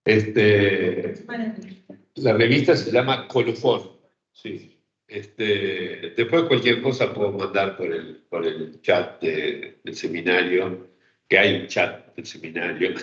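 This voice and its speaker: A man's voice: low voice, slow pace, a bit bright. A man teaching an online psychoanalysis seminar, talking thoughtfully with many fillers and checks to his listeners. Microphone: video call. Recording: roomy, dull online call audio.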